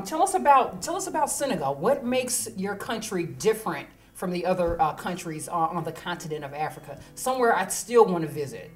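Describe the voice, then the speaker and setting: A woman hosting an interview, chatty and lively, often restarting her questions. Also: low-pitched. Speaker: host, executive director. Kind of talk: casual interview.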